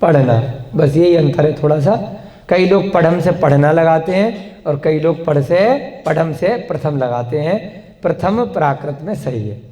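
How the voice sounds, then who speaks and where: A man's voice: a little high, mellow. A male teacher giving a grammar lesson to a class, patiently putting questions to his students and dictating what they should write. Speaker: language teacher. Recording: long classroom reverb.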